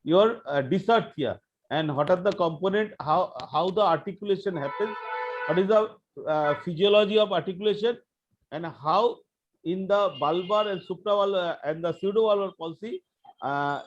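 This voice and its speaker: A man chairs a medical case discussion over an online call, lecturing in a halting, repetitive way. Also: high voice. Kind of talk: medical teaching session. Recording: dull lo-fi online call audio.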